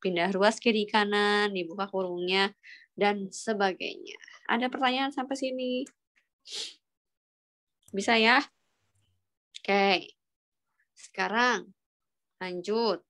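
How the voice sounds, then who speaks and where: A woman's voice: mid-range voice, slow pace, long pauses, fairly bright tone. A woman teaching an online calculus class, patiently walking students through each step and prompting them with questions. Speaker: math lecturer.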